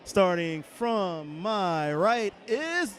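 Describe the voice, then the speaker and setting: A man's voice: sits high, big pitch swings, very slow, some chatter behind. A man hosting cosplay interviews at a convention, teasing his co-host in a playful, announcer-like way. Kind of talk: casual interview chat. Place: outdoors at a fan convention.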